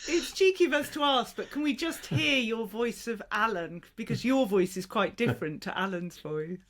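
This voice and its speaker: A female podcast host with a slightly high voice. She asks her guest questions politely and with enthusiasm, in a casual conversational manner. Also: moderate pace, fairly bright tone. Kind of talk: casual interview chat.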